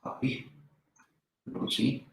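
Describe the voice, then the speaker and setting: A man speaks slowly in a fairly bright tone over a slight hiss or hum, giving a casual live-stream lecture as an online freelancing instructor. His first language is Urdu. He's chatty and rambling, with frequent fillers and restarts, in an echoey room.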